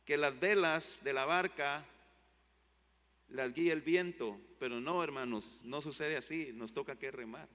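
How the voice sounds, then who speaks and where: Man, pastor, fervent sermon, fairly high voice, long hall reverb. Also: measured pace. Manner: fervent preaching, swinging between loud exclamations and low drops. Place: church hall.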